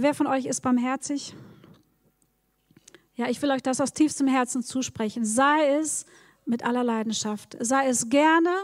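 In a sermon, a woman with a high-sitting voice repeatedly encourages her congregation, speaking to them directly. Her clean studio sound has no room noise, though it gives a big-room impression.

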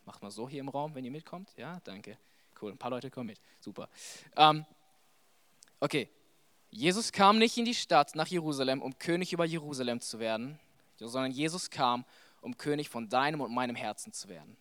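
A young adult man giving a conversational sermon to a church audience, animated and full of fillers. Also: medium pitch, moderate pace, dry recording. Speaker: preacher.

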